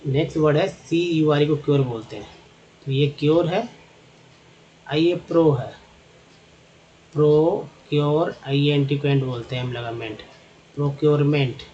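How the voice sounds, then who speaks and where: A man with a Hindi accent teaching English phonics, building words slowly from spelled-out parts and repeating each one. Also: on the high side, fairly even intonation, dark tone, lo-fi sound, slight background noise. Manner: slow, repetitive, drawn-out explaining.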